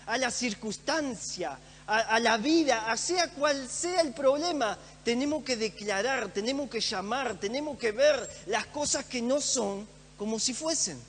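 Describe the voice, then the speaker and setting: A man delivers a sermon with earnest emphasis, repeating key phrases. His voice sits very high for a man. The church hall gives it a long, trailing reverb. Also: lively intonation, measured pace. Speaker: preacher. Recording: echoey church hall with faint hum.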